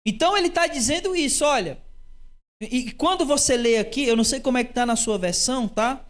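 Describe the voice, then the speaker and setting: A woman teaching a doctrinal Bible study, expressive and full of rhetorical questions. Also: high-pitched, a little fast. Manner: expressive, acts out quoted lines, frequent rhetorical questions.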